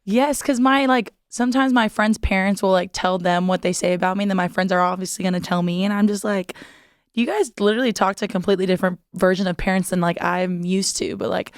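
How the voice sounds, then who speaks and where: A woman's voice: medium pitch, steady tone, fast talker, no room sound, studio quality. A young woman, a volleyball player, chatting as a guest in an interview, with many "like" fillers and frequent laughs. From United States. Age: young adult. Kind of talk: casual interview chat.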